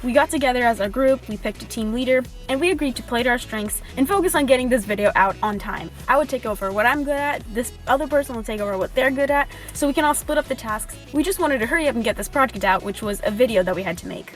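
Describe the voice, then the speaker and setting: Young female vlogger, higher voice, chatty and confiding, close car-mounted camera, faint music bed. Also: quick pace, few pauses. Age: young adult. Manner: chatty and confiding, drops to a whisper when nervous. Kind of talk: casual storytime vlog. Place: parked car.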